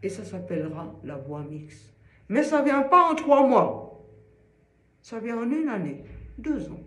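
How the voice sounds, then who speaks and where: A man's voice: high voice, fairly bright tone, echoey room, low-quality recording. A man giving an informal singing lesson to one student, explaining patiently with everyday comparisons. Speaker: singing teacher.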